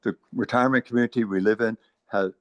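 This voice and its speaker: An eighty-five-year-old man in casual group chat, speaking haltingly with repeated words while earnestly giving advice. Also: fairly low pitch, fairly even intonation, dry recording, dull audio. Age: 80s. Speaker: meeting participant. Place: retirement community.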